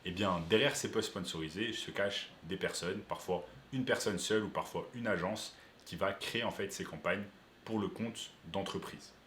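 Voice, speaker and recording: Low-voiced man explaining an online tutorial. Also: normal speed, a bit bright, echoey room, slight background noise. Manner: explains step by step to viewers. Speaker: online business coach. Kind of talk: screen-share tutorial.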